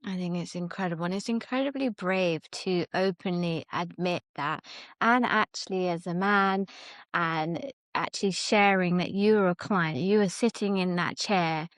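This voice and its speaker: A woman with a slightly low voice hosting a podcast interview, full of praise and encouragement for her guest. Her voice is dry and close-miked. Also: moderate pace, dry recording. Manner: warm, encouraging, effusive. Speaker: podcast host.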